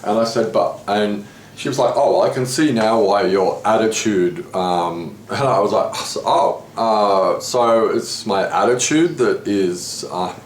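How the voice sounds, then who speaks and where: Man, lowish voice, lively storyteller, echoey room with faint noise. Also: a little slow. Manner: animated retelling, voicing others with rising pitch. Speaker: interviewee telling a story. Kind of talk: casual storytelling conversation.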